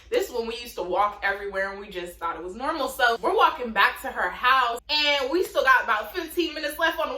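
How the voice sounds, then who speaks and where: A woman's voice: fairly high pitch, pushed and bright. A young woman telling a story to her viewers in a chatty, slangy, casual way. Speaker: vlogger. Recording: roomy echo.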